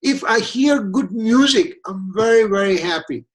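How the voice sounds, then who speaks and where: A man teaching a religious scripture class, explaining slowly with frequent restarts and hesitations. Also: sits high, animated, poor audio. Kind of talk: religious lecture.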